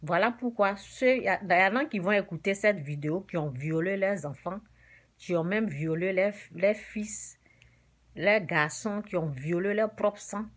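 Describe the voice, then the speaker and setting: A woman's voice: medium pitch, normal speed. A woman delivers a sermon in a direct, exhorting voice. She hammers her points home by saying them again and again, addressing her listeners as "you" throughout. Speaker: preacher.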